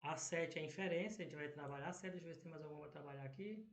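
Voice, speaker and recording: A man's voice: a little high, very fast, reverberant. A Brazilian Portuguese-speaking male teacher going through exam questions, often checking in with "tá?" and "né?". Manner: filler-heavy, frequent "tá?" and "né?" checks.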